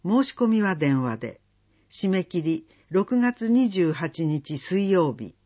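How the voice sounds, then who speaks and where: A reader going slowly and steadily through community event listings, dates and phone numbers. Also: mid-range voice, sing-song, darkish tone. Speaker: announcement reader. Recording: dull lo-fi recording.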